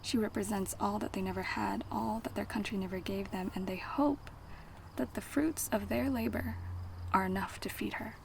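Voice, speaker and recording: A twenty-year-old woman from the United States performing spoken word poetry with a rhythmic, dramatic delivery and repeated refrains, often breathy and half-whispered. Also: mid-range voice, normal speed, slight background noise, rough recording. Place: banquet event.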